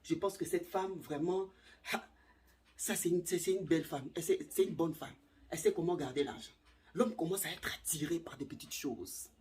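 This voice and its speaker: A middle-aged woman giving casual relationship advice to camera, animated, acting out little scenes and repeating words. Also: low voice, normal speed.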